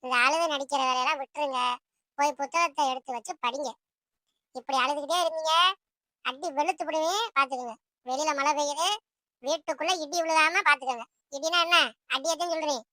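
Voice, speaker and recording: A woman voicing a loud scolding cartoon mother. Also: high-pitched, a little fast, dry recording, clean studio sound. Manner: shouting threats, harsh and bossy. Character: scolding tired mother of two children. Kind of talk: cartoon voice acting.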